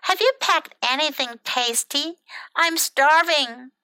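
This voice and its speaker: Woman voicing melodramatic little bird, whiny, demanding, bright piercing tone, children's storybook. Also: high voice, slow, dry recording, voice pushed up, exaggerated voice, poor audio. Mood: pleading, indignant.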